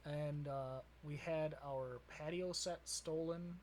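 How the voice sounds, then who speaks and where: A man's voice: fairly high pitch, fairly even intonation, slow pace, a little hiss or hum. A young man with a Wisconsin accent, co-hosting a podcast in casual chat, rambling and laughing often. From Wisconsin, USA. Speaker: podcast co-host.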